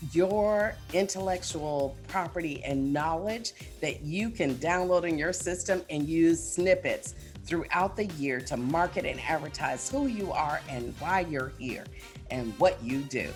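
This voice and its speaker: A woman giving a motivational business keynote with polished corporate enthusiasm, speaking emphatically and straight to her listeners. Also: low-pitched. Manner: emphatic, addresses listeners directly.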